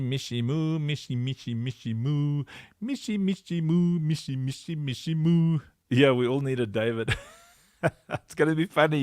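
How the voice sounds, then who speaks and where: A playful man hosts a casual livestream, his voice gravelly with fry. He chatters in a sing-song way and laughs often, recorded dry and close on a computer mic. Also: fairly low pitch, dry recording. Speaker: livestream host.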